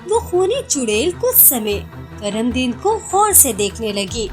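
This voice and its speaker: Brief: dramatic female story narrator, bright animated delivery. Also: on the high side, a little slow, faint music behind.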